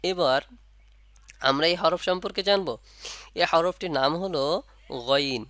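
Man, patient teacher, stretches out sounds, smooth voice, dry close recording. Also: high-pitched, a bit bright, dry recording. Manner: patient, repeats questions and answers them himself; draws out letter sounds in slow demonstration. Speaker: Quran reading teacher. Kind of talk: step-by-step lesson.

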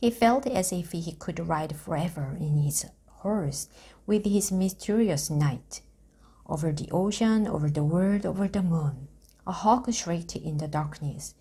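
A woman reading a children's book aloud, slowly and carefully for learners. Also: on the low side, dark tone, husky. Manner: slow, careful storytelling for learners. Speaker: reader.

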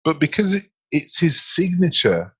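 A man co-hosting a podcast as a speaking coach, talking in an animated, emphatic way with lots of rhetorical questions. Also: fairly high pitch, moderate pace, breathy edge, poor audio. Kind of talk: casual podcast chat.

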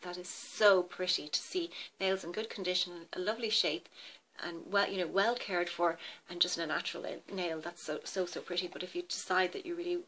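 Chatty, lower-pitched woman vlogger. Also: steady tone, a bit bright, slight background noise. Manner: chatty and rambling, often pausing to check product names. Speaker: beauty vlogger. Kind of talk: casual chat showing products to camera.

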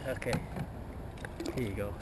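Excited man filming outdoors on the water. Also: lowish voice, a little slow. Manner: excited, rambling with fillers. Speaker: fishing vlogger. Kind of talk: casual fishing commentary. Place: outdoors on a kayak on a river. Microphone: action camera. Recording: loud wind and water noise.

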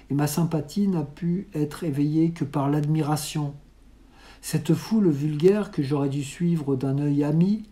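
A reader narrating a classic novel aloud in a measured, unhurried literary reading. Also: mid-range voice, mellow. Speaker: audiobook reader.

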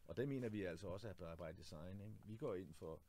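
In a noisy clothing shop, a man in his forties with a low-pitched voice talks politics casually. He's a candidate and host, earnest and explanatory, often restarting sentences and tacking on tag questions.

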